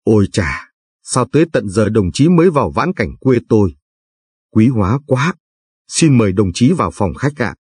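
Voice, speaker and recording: A man's voice: fairly low pitch, sing-song, normal speed, a little mellow, slightly rough, dry recording, clean studio sound. Man doing an effusive, glib provincial chairman. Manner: effusive, voluble. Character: middle-aged male provincial chairman, smooth and effusive.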